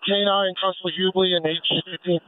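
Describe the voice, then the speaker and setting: A man's voice: high voice, level tone, a little fast, no room sound. A man speaking as a police officer over a two-way radio, giving brief unit and location reports. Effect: heard over a two-way police radio. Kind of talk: terse radio call traffic. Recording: tinny two-way radio transmission.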